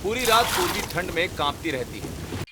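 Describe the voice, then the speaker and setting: A man's voice: high-pitched, very animated, moderate pace, heavy background noise. A man reading the scripted narration of a cartoon storybook. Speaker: narrator and voice of the drunk brother.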